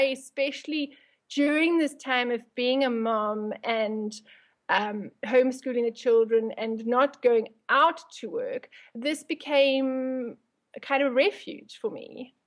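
A woman with a South African accent and a high voice talks as a guest in an interview. She answers casually, in everyday conversational language.

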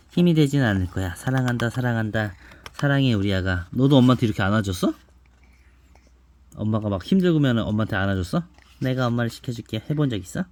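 A man reading a picture book aloud to his child at home, gently and softly, stopping now and then to ask the child questions. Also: mid-range voice, a little hiss or hum. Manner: gentle, soft-spoken, stops to chat and ask the child questions. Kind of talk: bedtime storybook reading with asides to a child.

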